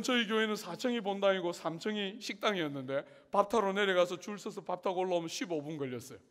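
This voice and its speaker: Man, middle-aged pastor, high voice, lively humorous sermon storytelling, long reverb of a big hall. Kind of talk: sermon at a student conference. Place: large university hall.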